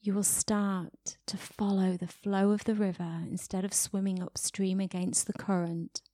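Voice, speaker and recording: A woman podcast host giving a slow, soothing guided meditation, sometimes dropping to a whisper. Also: mid-range voice, level tone, dark tone, no echo, studio quality.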